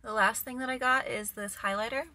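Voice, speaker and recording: A young lifestyle vlogger in her twenties speaks briskly in a slightly high voice with fairly even intonation and a sharp tone, and the audio is reverberant. She chats cheerfully to camera about products and meal prep, starting in a parked car and ending in her home kitchen.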